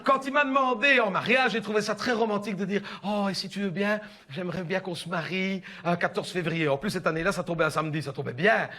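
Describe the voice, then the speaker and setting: A chatty middle-aged mother with a Belgian French accent pours out her grievances, dropping "hein" and "écoute bien" as she goes, as a man voices her on stage. The voice sits high and bright. She confides in the listener like a neighbour over the fence. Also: fast talker, hardly any pauses. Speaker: stand-up comedian in character. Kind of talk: stand-up character monologue.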